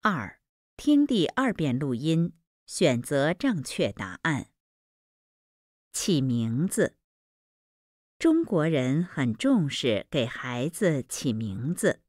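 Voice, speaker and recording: A woman reading the instructions and questions for a textbook listening exercise, slowly and deliberately. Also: sits low, big pitch swings, darkish tone, dry recording, clean studio sound. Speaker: exercise narrator.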